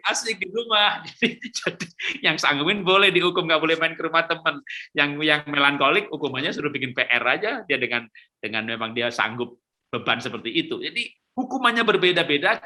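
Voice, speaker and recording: A middle-aged man speaks as a pastor in a relaxed question-and-answer talk. His voice is very bright and sits a little high. He tells stories with energy and acts out the quoted lines. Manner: lively storytelling, acts out quotes, chuckles.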